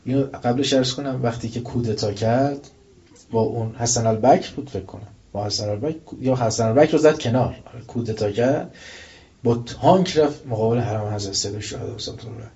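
A male preacher giving a religious lecture, telling stories with rising intensity and reciting verses slowly. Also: medium pitch, mellow. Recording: dull lo-fi recording.

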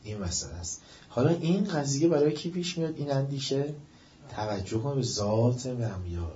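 A man giving a religious-ethical lecture, asking questions of his listeners and rising to emphatic, drawn-out stresses. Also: mid-range voice, lively intonation, warm tone, slight background noise. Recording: echoey room, dull lo-fi sound.

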